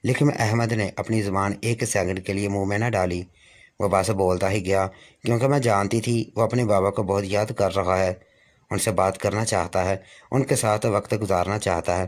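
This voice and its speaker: Low-voiced man narrating a moral story. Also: steady tone.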